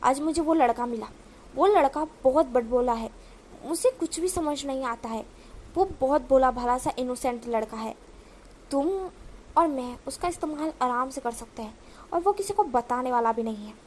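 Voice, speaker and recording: A woman's voice: sits high, moderate pace, a little mellow, slight background noise, close to an everyday voice. A woman voicing a middle-aged mother who plots in a sly, conspiratorial way. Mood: scheming.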